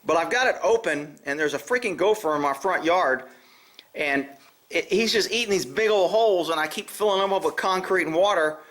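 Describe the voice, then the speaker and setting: An American vlog host chats casually, rambling in a blunt, folksy way with mild cursing. His high-pitched, fairly bright voice runs a little fast, and the recording sounds roomy and echoey.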